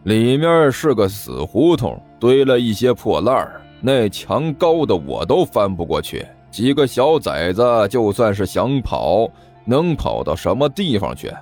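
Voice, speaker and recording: A low, sneering growl of a mean street robber boss, as a male storyteller puts him on. He snaps and scoffs with bursts of contempt, over faint background music. It is a storybook villain, impatient and cocky. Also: big pitch swings, unhurried, darkish tone, exaggerated voice. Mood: scornful. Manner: scornful, snappish, sneering.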